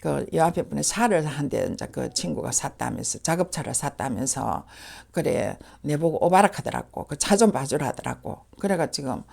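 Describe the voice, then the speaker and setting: An older woman with a Gyeongsang accent tells a story in a low, gravelly voice. Her pitch swings widely as she acts out each person she quotes, and she keeps to the easy flow of casual conversation. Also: expressive, normal speed, darkish tone. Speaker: shaman.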